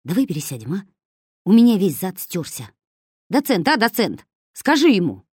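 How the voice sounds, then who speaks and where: A woman voicing a petty male pickpocket in an audiobook, whining and yelling in coarse slang. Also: mid-range voice, very animated, normal speed, breathy edge, no echo, studio quality. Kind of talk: audiobook character voice.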